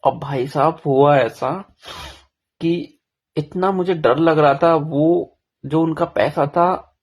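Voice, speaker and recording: A man's voice: a little high, slow, slightly rough. A young man telling his own story in a frank, self-deprecating, rambling way, full of restarts, in a casual confessional vlog.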